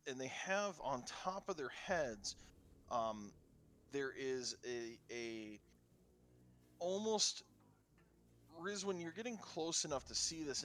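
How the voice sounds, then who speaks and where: A man's voice: mid-range voice, fairly bright tone. A man narrating as game master of a tabletop game, hesitant with many fillers.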